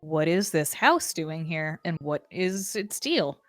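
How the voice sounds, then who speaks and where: A woman's voice: low-pitched, expressive, slow, dry recording. A woman streamer chatting casually and curiously while playing a game. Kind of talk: casual let's-play chat.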